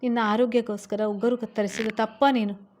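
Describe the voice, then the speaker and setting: A woman's voice: a little high, level tone, a little fast, a little mellow, natural voice. A woman reading a storybook and voicing a young student wife who pleads with her cold husband, hurt and close to tears. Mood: hurt pleading.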